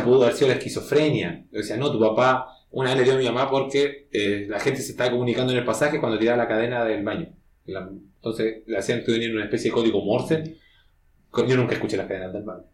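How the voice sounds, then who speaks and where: A man's voice: mid-range voice, quick pace, echoey room, slight background noise. A man with a Chilean accent, telling personal stories in a casual, slangy podcast chat. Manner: conversational storytelling, slangy. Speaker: guest, horror writer.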